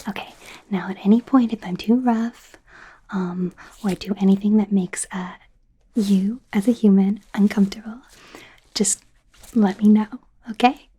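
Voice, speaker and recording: A woman whispers softly and breathily as a friendly, awkward young werewolf doctor in an ASMR roleplay, her mid-range voice unhurried and fairly even. Rambling casually and hesitantly, she sounds reassuring as she gives instructions.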